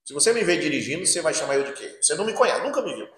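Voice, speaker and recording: A male preacher delivers a dramatic sermon, acting out quoted lines. His voice sits high and leaps widely in pitch, jumping from loud cries to hushed asides. The church hall wraps every word in heavy echo. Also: sing-song, racing.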